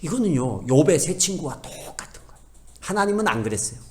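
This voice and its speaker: Man, middle-aged pastor, sermon, very lively pitch swings, loud emphasis and soft asides, acts out family talk. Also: fast talker. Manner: acts out everyday family dialogue in quoted voices.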